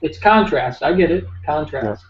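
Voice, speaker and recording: A slightly high-voiced man trades profane jokes and rambling asides in casual podcast banter. The audio is roomy and dull, with a faint hiss behind him. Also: expressive, moderate pace. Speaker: podcast co-host. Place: home room, dogs nearby.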